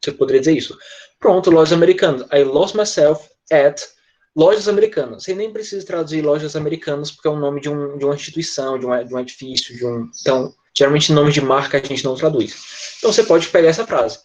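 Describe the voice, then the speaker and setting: This online English teacher has a Brazilian Portuguese accent and a slightly high voice. He's chatty and jokey, easing his pace whenever he demonstrates an English phrase.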